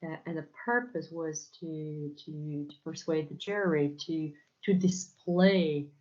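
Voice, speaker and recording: Low and slow, with a darkish tone, a Polish-accented woman, a native Polish speaker, delivers an academic conference lecture. Her speech is hesitant, packed with fillers, repeated words and restarts, heard through dull audio.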